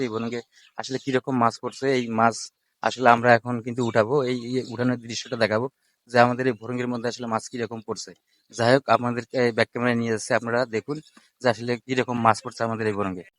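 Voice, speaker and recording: A man's voice: medium pitch, little pitch movement, very fast, a bit bright. A man with a Rangpur Bengali accent, chatting to viewers in a repetitive, casual way while out in a rice paddy. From Rangpur, Bangladesh. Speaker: vlogger. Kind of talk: casual outdoor video blog.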